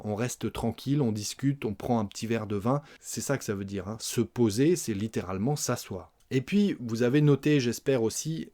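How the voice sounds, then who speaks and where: A man past his twenties teaching spoken French, explaining carefully and repeating example phrases slowly, often adding "hein". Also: mid-range voice, warm tone. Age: older than twenties.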